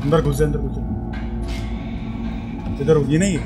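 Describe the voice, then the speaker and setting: High-voiced excitable man commenting gameplay. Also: normal speed. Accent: Urdu-speaking. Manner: excitable, swears and repeats words when scared. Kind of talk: live horror gameplay commentary. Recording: game music playing behind.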